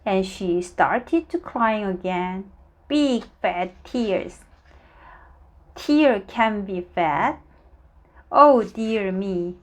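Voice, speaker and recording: Slow, expressive woman reading a storybook. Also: medium pitch. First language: Korean. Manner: slow, expressive, with small stumbles and asides. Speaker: storybook reader. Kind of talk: reading a children's book aloud.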